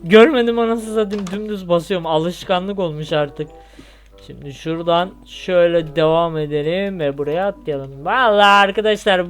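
High, smooth-voiced Turkish gamer man. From Turkey. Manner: chatty, joking, yelps when he falls. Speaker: gaming YouTuber. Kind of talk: casual gameplay commentary.

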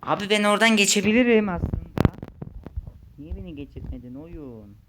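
A young man giving casual gameplay commentary, chatty, muttering when frustrated and shouting when excited. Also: sits high, moderate pace, background noise. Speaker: gaming YouTuber.

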